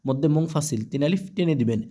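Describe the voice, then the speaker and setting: A man teaching Quran reading, spelling out each letter and vowel mark slowly, then chanting the joined words. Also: a little high, animated, dark tone. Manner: slow, syllable-by-syllable spelling with drawn-out recited phrases.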